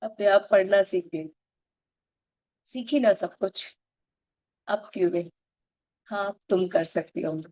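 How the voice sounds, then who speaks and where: A woman leading a self-affirmation practice, speaking Hindi mixed with English and slowly repeating loving phrases to herself. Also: mid-range voice, a little mellow, dry recording, low-quality recording.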